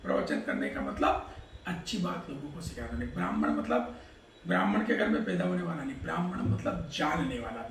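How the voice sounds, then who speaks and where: A Vedic discourse speaker with a slightly high voice and vocal fry gives a religious talk in Hindi, reciting Sanskrit verses and explaining them. He poses his own questions and answers them. The distant mic catches an echoey room and slight background noise.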